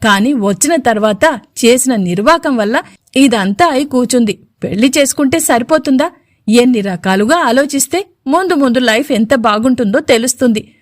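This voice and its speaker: A woman voicing a sharp-tongued, scheming middle-aged mother in a storybook, speaking reproachfully. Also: a little high, animated, moderate pace, no echo, studio quality. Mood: sarcastic.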